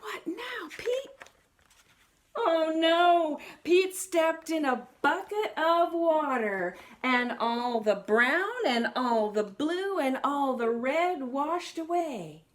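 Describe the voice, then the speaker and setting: Drawing out her words in a high voice, a woman reads a picture book animatedly to young children, quizzing her audience and exclaiming along with the tale.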